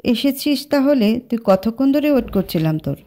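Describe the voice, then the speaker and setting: A calm, caring young male friend from a spoken storybook, voiced by a woman. He reasons in a cool, even tone. The voice is mellow and dark. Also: on the high side, moderate pace, voice pushed up. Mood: wry.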